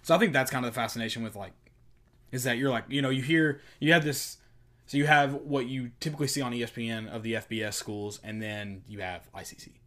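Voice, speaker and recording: A man's voice: mid-range voice, steady tone, fast talker, a bit bright. Blunt man in casual sports chat. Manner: blunt, mocking, quotes coaches in put-on voices.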